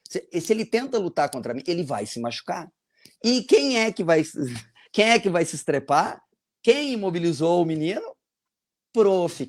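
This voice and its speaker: A man with a fairly high voice holds a casual podcast discussion. He talks in a loose, conversational way and keeps checking in with his listeners. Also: darkish tone. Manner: conversational, frequent "tá?" tags. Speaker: podcast host, teacher.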